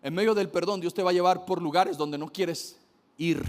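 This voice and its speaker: A man's voice: high voice, moderate pace. A man preaching a sermon, emphatic, repeating key phrases and speaking straight to his listeners.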